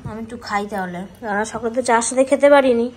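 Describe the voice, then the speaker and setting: A young adult woman vlogging in a casual, chatty way, speaking softly and sparingly because of a sore tooth, and teasing her family. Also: a little high, fast, rough recording. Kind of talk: casual vlog chat.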